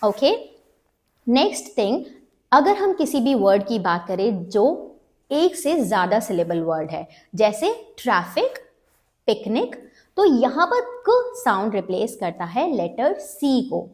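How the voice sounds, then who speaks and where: A woman's voice: fairly high pitch, very animated, a little slow, a little mellow. A woman teaching a phonics lesson step by step, mixing Hindi with English terms and repeating each sound for learners.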